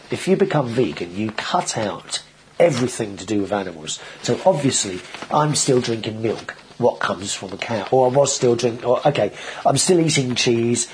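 Man, casual vlog host, rambling chatty delivery, mid-pitched voice, faint background hiss. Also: expressive, normal speed, rough recording. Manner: chatty, rambling, with frequent restarts. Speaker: video show host.

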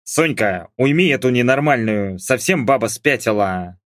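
A man's voice: mid-range voice, lively intonation, normal speed, no room sound, studio quality, natural voice. A man voicing a stubborn middle-aged father who mumbles and grumbles his complaints. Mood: grumbling.

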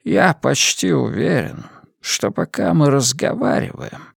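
A frail old man with a faint, rustling, gravelly voice, as a male narrator puts him on. He drags out each phrase with chilling courtesy. The read is close and dry, with no room around it. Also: medium pitch, very animated, no room sound, heavily acted. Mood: cold menace. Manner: slow, measured, coldly polite. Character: frail old man, cold, menacing villain.

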